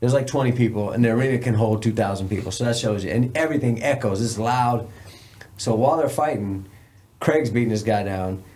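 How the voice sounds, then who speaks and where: A man's voice: lowish voice, a little fast, darkish tone. A man who trains boxers, telling a fight-trip story in casual, laughing podcast chat. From Texas. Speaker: boxing trainer.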